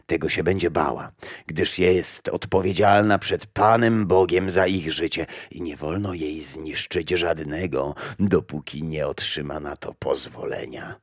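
A man reading as a wise old woman who gives calm, quiet counsel in a storybook. Her voice is low and unhurried. The recording is close and dry. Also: dry recording. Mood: calm, advising.

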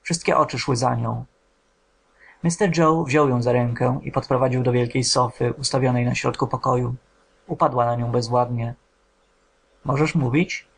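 A man reading a literary novel aloud as an audiobook narrator, in a slow, measured, somber way. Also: mid-range voice, steady tone, vocal fry, slightly rough.

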